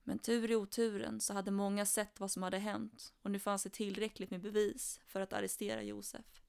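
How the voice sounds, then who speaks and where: A woman narrating a true crime story in a steady, flat retelling. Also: medium pitch, creaky, smooth.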